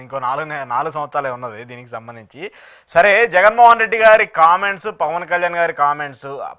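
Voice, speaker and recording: A man's voice: medium pitch, bright, forceful tone, clear, resonant tone. A man with a Telugu accent interviewing as a journalist, asking leading questions between frequent short acknowledgements. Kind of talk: political interview.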